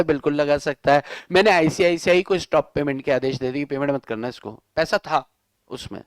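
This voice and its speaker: A male law teacher lecturing a class in a lively, teasing manner, scolding students with coarse slang. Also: sits high, clear, resonant tone, dry recording.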